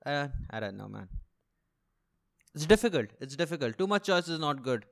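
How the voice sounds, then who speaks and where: A young man with an Indian accent complains his way through a rambling solo comedy podcast, sweary and self-deprecating, repeating and rephrasing himself. His gravelly voice is on the high side and sing-song, at a normal speed.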